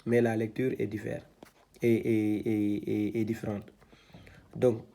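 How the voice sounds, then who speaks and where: A man teaching Quran reading, spelling out syllables one by one, halting and repeating himself with many fillers. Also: fairly low pitch, flat delivery, creaky, warm tone. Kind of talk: step-by-step lesson, spelling out syllables.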